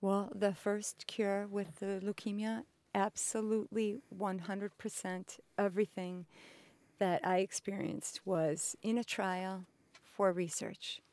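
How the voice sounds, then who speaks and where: Slow, halting woman in her fifties. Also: medium pitch, level tone, darkish tone. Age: 50s. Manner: slow and halting, many pauses and fillers. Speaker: patient advocate. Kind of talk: recorded interview. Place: indoors, cultural center.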